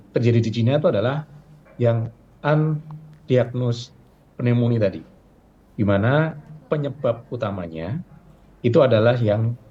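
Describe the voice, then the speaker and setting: A middle-aged man, a health official, explaining patiently in a broadcast interview, with fillers and rhetorical questions. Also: medium pitch. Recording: dull lo-fi sound with faint noise.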